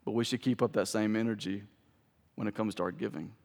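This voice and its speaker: A man's voice: lowish voice, steady tone, quick pace, darkish tone. A male pastor preaching a sermon to his congregation in a church sanctuary, talking conversationally and then building up to emphatic peaks. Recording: long reverb of a church hall.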